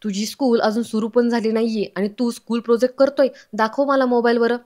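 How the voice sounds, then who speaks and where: A woman's voice: on the high side, steady tone, brisk, darkish tone, close to an everyday voice. A woman voicing a young uncle who firmly scolds the children as she retells a serial. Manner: scolding, firm.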